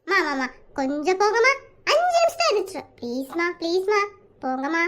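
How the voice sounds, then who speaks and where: Cartoon comedy: performer as a lazy little schoolboy, high and bright, whining and begging. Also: lively intonation, a little fast, full character voice. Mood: whiny. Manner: whiny begging, chatty asides to viewers. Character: sleepy lazy schoolboy, whiny and pleading. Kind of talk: Tamil cartoon comedy dub.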